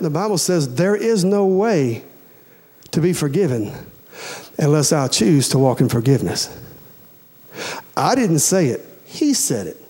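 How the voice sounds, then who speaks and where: A male preacher in his forties delivers a sermon to his congregation in a mellow voice that sits notably high for a man. His style is folksy and colloquial, and he stresses points by repeating phrases. He addresses listeners directly, asking questions and urging them on.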